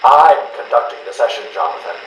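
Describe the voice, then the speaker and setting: An actor playing a stern, weary asylum doctor with a formal, clinical manner on a video game interview tape. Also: male voice, on the low side, sing-song, fairly quick, a bit bright. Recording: roomy, noisy, distant interview tape.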